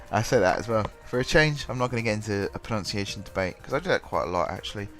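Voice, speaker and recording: A gaming channel host, bunged up from a cold, speaks fast with a fairly low, slightly bright voice and lively intonation. His casual commentary on the game wanders, with lots of ums and restarts, over faint background music.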